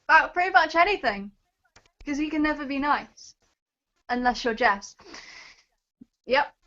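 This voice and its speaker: A woman with a fairly high voice chats as a guest on a livestream, giggly and matter-of-fact. Her voice comes through dull and lo-fi over a call. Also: a bit bright. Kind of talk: casual livestream chat.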